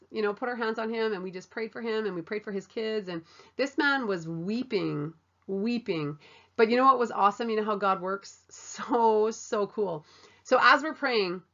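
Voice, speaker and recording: A woman's voice: mid-range voice, a bit bright, muffled recording. A woman sharing a personal testimony about a mission trip, telling it in a casual, earnest way with lots of fillers and acted-out quotes. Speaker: mission trip volunteer sharing her story.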